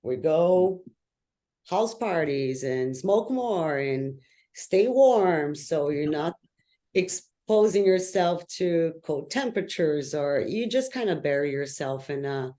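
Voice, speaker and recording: A man on a video call reflecting on his past, halting and thoughtful. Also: on the high side, mellow. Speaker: group participant. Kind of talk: personal sharing.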